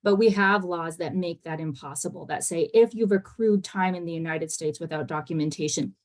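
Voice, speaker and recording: A woman immigration lawyer answering on a panel discussion over a video call, speaking quickly and earnestly with many fillers and restarts. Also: fairly low pitch, darkish tone. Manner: fast-talking, earnest, with frequent fillers and restarts.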